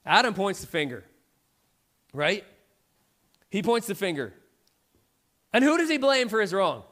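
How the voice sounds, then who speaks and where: A man's voice: high voice, very animated, unhurried, fairly bright tone. A middle-aged man preaching a sermon in a conversational way, often checking in with "right?". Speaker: pastor.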